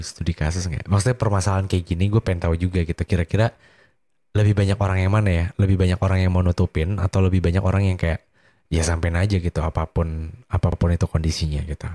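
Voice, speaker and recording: Hosting a late-night solo podcast, a man with an Indonesian accent chats casually in a mellow voice, with no room sound. He's tired and slightly unwell, and his delivery comes out sleepy, drowsy, and low on energy.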